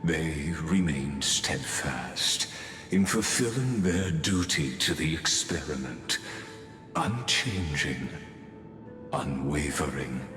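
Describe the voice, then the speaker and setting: A man does theatrical, scripted voice acting for a game, playing a solemn, grandiose character who delivers an epic toast and narration in a measured, ceremonial manner. His voice is extremely low, a bit bright, with lively intonation and heavy acting. There's a long, echoey reverb and background music.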